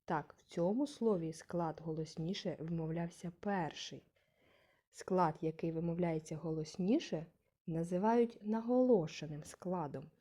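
Slow, patient woman teaching children. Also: lowish voice, mellow. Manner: slow, patient, stresses words with a rising questioning tone. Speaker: primary school teacher. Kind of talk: scripted lesson narration.

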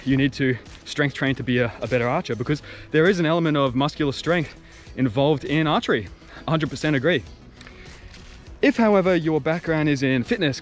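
A young man, an archery coach walking a bush trail after a run and chatting casually to his viewers. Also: medium pitch. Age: young adult. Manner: upbeat, conversational, addresses viewers as guys. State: just back from a run, walking. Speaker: archery coach and channel host. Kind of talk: casual walk-and-talk vlog. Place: outdoors on a wooded bush trail. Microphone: camera held at arm's length.

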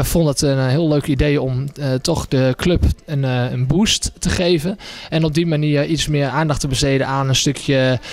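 Young man, hockey trainer, slightly high pitch, halting speech full of fillers, handheld mic in a small café. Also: no room sound. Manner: hesitant, many fillers. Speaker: hockey trainer and event organizer. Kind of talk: casual promo interview. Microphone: handheld microphone.

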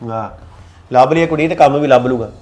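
A man's voice: medium pitch, brisk, darkish tone, natural voice. A man playing a stern, scolding elder brother. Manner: scolding, exasperated. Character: stern elder brother, irritated, refuses to fund sibling. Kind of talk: scripted web drama acting.

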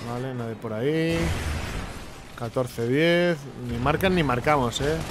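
A young man from commentating his own gameplay, excitable, with sudden shouting bursts and repeated words. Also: mid-range voice, a little slow, noisy background. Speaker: gaming YouTuber.

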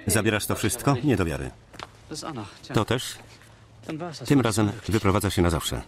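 A man reading the voice-over for a film, giving every character's lines in his one steady voice over the original soundtrack. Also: lowish voice, normal speed, a crowd in the background. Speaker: voice-over reader.

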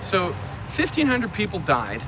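A man's voice: high-pitched, huge pitch swings, unhurried. A young man talking casually into a handheld camera as he walks outdoors, musing aloud with frequent fillers. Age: young adult. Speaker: vlogger. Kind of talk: casual walking vlog monologue. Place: outdoors on city streets and trails. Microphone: phone or camera held at arm's length. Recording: outdoor street noise behind. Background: traffic and outdoor ambience.

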